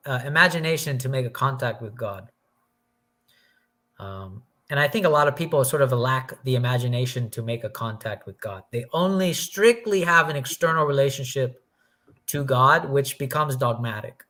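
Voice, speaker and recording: Guy chatting philosophy, medium pitch, rambly and thoughtful, lots of likes and ums. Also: sharp tone. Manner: rambling, filler-heavy, thoughtful. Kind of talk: casual philosophical conversation.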